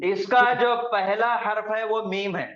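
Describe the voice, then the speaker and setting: A man with a high voice teaches a class of students at an unhurried pace, patiently breaking each point into steps. He drills pronunciation by repeating words slowly, over and over. The recording is roomy and dull. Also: steady tone, fairly bright tone. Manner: patient, step-by-step explaining. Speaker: Quranic Arabic grammar teacher.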